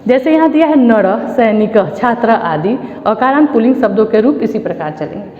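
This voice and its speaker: A woman's voice: a little high, expressive. Indian woman teacher, echoey room. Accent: Indian, Bihar. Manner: recites word forms in slow, deliberate drills. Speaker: Sanskrit teacher. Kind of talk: online class lesson. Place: classroom or school room. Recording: echoey room, dull lo-fi sound.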